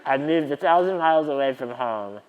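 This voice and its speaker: A man's voice: fairly high pitch, lively intonation, brisk, smooth, long reverb tail, phone-quality sound. A man in his twenties telling stories in a conference keynote, with a wry, self-deprecating humor. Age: 20s. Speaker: keynote speaker. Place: conference stage.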